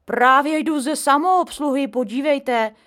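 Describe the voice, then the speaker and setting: A woman's voice: high-pitched, fairly bright tone, pitched above the performer's own voice. A woman voicing a middle-aged male building caretaker in a storybook reading, drawling his friendly greetings. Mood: jovial.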